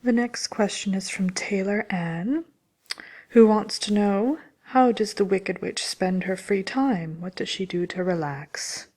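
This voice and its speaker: A woman playing a vain, sinister, cynical witch in an ASMR roleplay, speaking haughtily and haltingly, sometimes dropping to a whisper. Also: medium pitch, a little mellow, close to an everyday voice. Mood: relaxed, indulgent. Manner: haughty, unhurried, halting, partly whispered delivery. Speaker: host answering listener questions. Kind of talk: ASMR character roleplay chat.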